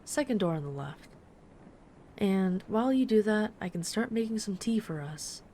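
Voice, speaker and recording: With lively intonation and a natural, medium-pitched voice, a woman voices a tender dragon friend in an intimate roleplay drama at a moderate pace. She sounds cozy, caring, reassuring and a little hesitant, and there's slight background noise.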